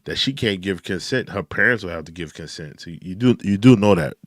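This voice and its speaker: A man's voice: low-pitched, lively intonation, brisk, a little hiss or hum. A man in his thirties hosting a reaction commentary, incredulous and repetitive as he speaks directly to the person he criticizes. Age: 30s. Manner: incredulous, repeats points, addresses his target directly. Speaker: commentary channel host.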